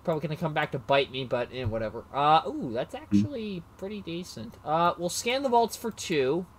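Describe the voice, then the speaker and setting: A man's voice: on the high side, animated, brisk, slight background noise. A man casually narrating his moves in a card game match, rambling and self-mocking, often losing his train of thought. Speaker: card game player and commentator.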